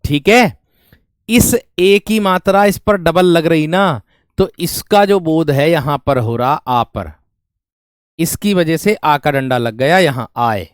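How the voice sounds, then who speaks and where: A man's voice: a little high, animated, slow pace, clear, resonant tone, dry recording, studio quality. A man teaching grammar in an online exam-prep class, explaining step by step and repeating each question to his students.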